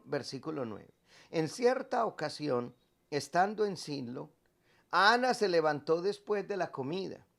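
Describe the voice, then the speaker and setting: A priest delivers a sermon at an unhurried pace, letting each phrase land. His voice sits a little high for a man, and he drives his points home by repeating phrases with emphasis. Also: gravelly.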